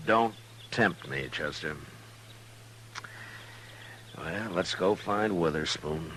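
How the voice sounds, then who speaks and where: An actor playing a steady, weary American frontier marshal in an old radio western, firm and plain-spoken. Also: male voice, deep voice, slow pace. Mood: wry, stern. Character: steady, weary frontier lawman, a grown man. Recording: noisy old radio recording.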